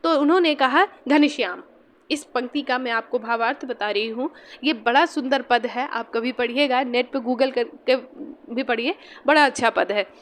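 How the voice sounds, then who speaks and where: A woman's voice: high voice, moderate pace, a bit bright. A young woman teaching a Hindi exam-prep lesson, patiently repeating key points and examples.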